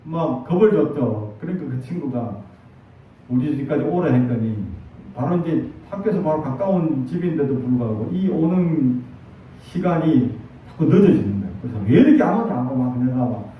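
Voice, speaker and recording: A middle-aged man preaching a sermon as pastor, telling stories in an animated way and acting out quotes. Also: mid-range voice, moderate pace, a little hiss or hum. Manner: animated storytelling with acted quotes. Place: church sanctuary. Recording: echoey distant, dull church sound.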